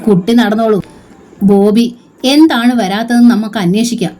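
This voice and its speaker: A woman voicing a worried older male teacher who reasons gently with a girl. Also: fairly high pitch, moderate pace, lightly acted. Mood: concerned.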